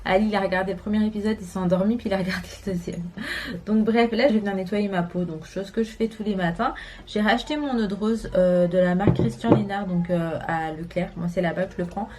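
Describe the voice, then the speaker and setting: A woman's voice: mid-range voice, fairly quick, noisy background. A woman in her twenties from France, chatting casually to camera at home, rambling with many fillers. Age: 20s. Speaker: vlogger. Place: home, indoors.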